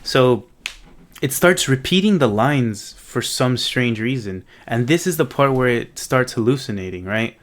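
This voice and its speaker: Male tech host, casual unscripted walkthrough, medium pitch, informal, thinking aloud. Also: lively intonation, unhurried. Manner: informal, thinking aloud, often checking in with "right?". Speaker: host of a coding project video series.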